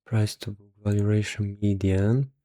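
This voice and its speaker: A fairly low, warm male voice keeps a steady tone at normal speed, in studio-quality audio with no room sound. The investor sounds somewhat tired as he thinks aloud about valuations, casual and hesitant, half murmuring to himself.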